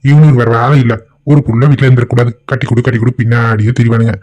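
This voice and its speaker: A man voicing a greedy middle-aged village thief, gruff and boastful. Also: medium pitch, fairly even intonation, rapid-fire, a little mellow, natural voice. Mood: scheming. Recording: dull lo-fi audio.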